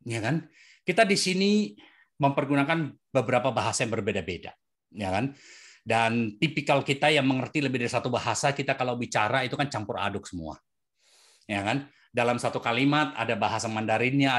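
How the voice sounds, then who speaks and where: Indonesian preacher, pitch swinging high and low. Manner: keeps asking listeners "right?". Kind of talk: conversational sermon.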